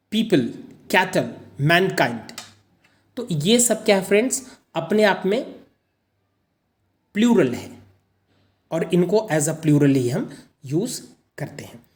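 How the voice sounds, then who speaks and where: Mixing Hindi with English, a man explains English grammar in a slightly high, somewhat mellow voice. Every example word gets repeated twice, he asks rhetorical questions and answers them, and he keeps addressing the audience as friends.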